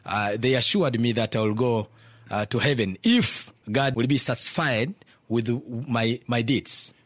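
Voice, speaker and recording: A man from Tanzania, speaking as a radio interview guest in halting English full of fillers and restarts. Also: medium pitch, dry recording. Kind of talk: hesitant conversational English.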